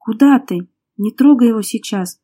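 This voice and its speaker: A worried young woman friend chides and hushes the others, as a woman reader voices her. The tone is mellow and warm. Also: on the high side, moderate pace, natural voice. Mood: reproachful. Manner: reproachful, hushed.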